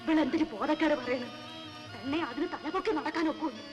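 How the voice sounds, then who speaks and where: An actress playing a stern but caring elder village woman who scolds her younger companion in sharp rural speech. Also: high voice, a little fast, dull audio, lightly acted. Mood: scornful. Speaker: elder sister figure. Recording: film soundtrack with reverb and music.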